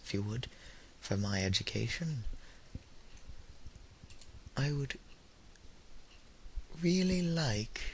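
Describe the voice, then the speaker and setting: Over the hiss of a noisy home recording, a high-school-age YouTuber talks through a casual solo audio log, worn out and a bit unwell. He jokes at his own expense in a dry way. His voice sits lowish, creaky and fairly bright.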